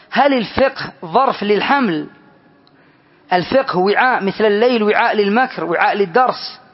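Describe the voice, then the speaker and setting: A man with a high voice leads a grammar lesson, explaining each example slowly and testing his students with questions. The recording sounds dull and lo-fi, like an old classroom lecture tape. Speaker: teacher of Arabic grammar.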